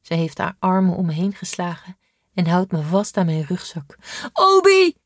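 A woman narrating a first-person audiobook in a steady, measured way. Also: fairly low pitch, no room sound, clean studio sound. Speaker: audiobook reader.

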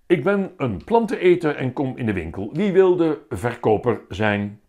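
A man's voice: medium pitch, moderate pace, pitched above the performer's own voice, lightly acted. A man voicing a playful, theatrical bearded schoolteacher. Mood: teacherly. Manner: theatrical, animated teaching.

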